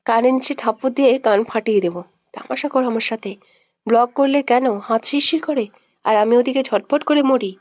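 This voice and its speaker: Lady doing a fiery jealous young guy in an audio romance, scolds and threatens, warm slightly high voice. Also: normal speed, no echo, natural voice. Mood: angry. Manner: scolding, threatening, then teasing. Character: hot-tempered, jealous young man in love.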